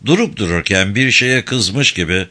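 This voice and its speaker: A man narrating a novel in a steady, measured audiobook reading. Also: fairly low pitch.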